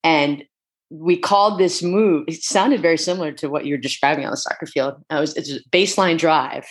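A woman's voice: low voice, fairly quick. A woman who used to be a basketball head coach, speaking as a podcast guest in a thoughtful, reflective way and often checking in with "right?". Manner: thoughtful, adds "right?" after her points. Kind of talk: reflective interview talk.

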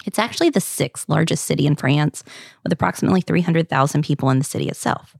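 A woman's voice: sits low, quick pace, gravelly, a little mellow, no room sound, studio quality. A woman with a Southern Kentucky accent, hosting a podcast and narrating in a chatty, upbeat way with jokes. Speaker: podcast host. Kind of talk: casual scripted narration.

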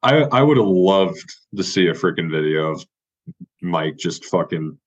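A man's voice: low-pitched, expressive, unhurried. A man hosting a casual podcast chat, laid-back, asking questions and swearing casually. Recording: dull lo-fi podcast audio.

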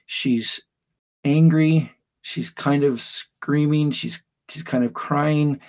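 A man's voice: a little high, steady tone, takes it slowly, darkish tone. A man on a podcast explaining emotions by narrating a parenting story step by step.

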